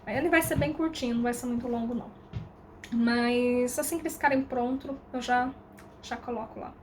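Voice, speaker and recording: A Brazilian woman in her thirties with a Brazilian Portuguese accent and a high voice, talking to camera in a loose, rambling vlog. She drifts with fillers and casual swearing. A faint hiss of noise sits under her voice. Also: fairly even intonation, a little fast, darkish tone. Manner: candid and rambling, with slang, swearing and trailing fillers. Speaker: vlogger. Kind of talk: casual reflective monologue to camera.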